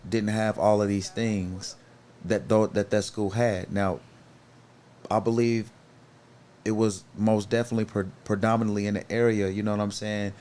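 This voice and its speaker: Middle-aged male podcast host, lower voice, earnest and rambling, faint background noise. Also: flat delivery, normal speed, darkish tone. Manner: earnest, many restarts, says "bro" often. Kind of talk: casual podcast conversation.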